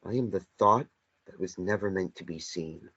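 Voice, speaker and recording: During a table read of a stage play, a man voices the ghostly memory of a dead lover, speaking slowly, gently and earnestly. His voice is low and slightly rough, and the lo-fi recording sounds dull.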